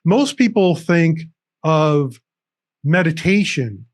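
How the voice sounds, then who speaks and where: Joining an interview show by video call from a room decorated with dragons, a recovery coach walks through his points one step at a time, often restarting. His fairly high voice is expressive and slow, and his manner is earnest.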